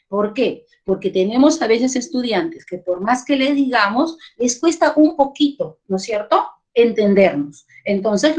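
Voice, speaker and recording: A woman with a Peruvian Spanish accent leading an online training session for teachers, lively and full of rhetorical questions. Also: fairly high pitch. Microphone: computer mic on a video call.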